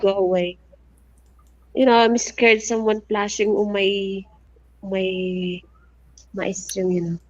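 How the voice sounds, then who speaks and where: A woman co-streamer chats casually on a livestream and sounds a little nervous about trolls. Her pitch sits in an ordinary middle range. The audio is dull and muffled. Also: level tone, slow pace, pauses often.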